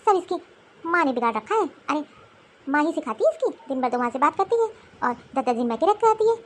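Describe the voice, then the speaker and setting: A woman voicing a nagging, scolding old mother-in-law in an animated cartoon. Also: high-pitched, fast. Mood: grumbling.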